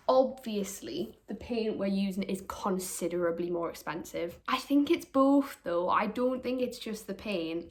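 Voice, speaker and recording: A young woman chats to her camera, chatty and self-deprecating, dropping "like" constantly. She talks at an everyday middle pitch with the odd swear. It sounds like an ordinary room picked up on a camera mic. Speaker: vlogger. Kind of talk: casual chat to camera. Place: living room being painted.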